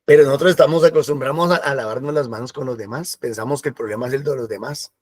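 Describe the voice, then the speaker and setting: A man's voice: medium pitch, fast talker, a little mellow, dry recording. Man preaching, dry close sound. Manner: conversational preaching with acted asides and quoted voices. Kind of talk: sermon.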